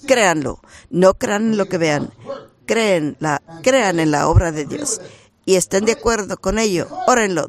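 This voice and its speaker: A man preaching a sermon, talking in a shy, halting way that rises into emphatic bursts. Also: sits high.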